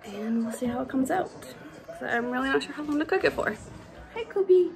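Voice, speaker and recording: A woman's voice: sits high, lively intonation, a little fast. Chatty young woman vlogging on her phone. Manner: chatty, upbeat, chatty asides. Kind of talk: casual vlog narration. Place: home kitchen and front porch. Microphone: handheld phone camera.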